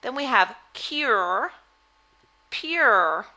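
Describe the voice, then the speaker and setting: A woman giving a phonics lesson as a reading teacher, deliberately enunciating words in an instructional way. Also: fairly high pitch, animated, pushed and bright, rough recording. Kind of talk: phonics lesson, word-by-word articulation drill.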